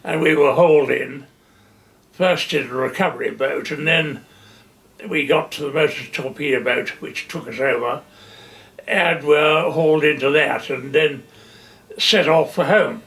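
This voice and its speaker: An older man, a retired general, recalling wartime missions in a halting way with many pauses and fillers. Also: on the high side, vocal fry, a bit bright, recorded from a distance. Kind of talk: wartime reminiscence.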